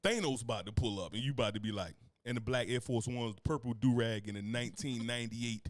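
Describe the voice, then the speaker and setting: A laid-back podcast co-host from Newark, New Jersey rambles and swears his way through casual chat, breaking into laughs. He has a medium-pitched voice and a quick pace, recorded dry.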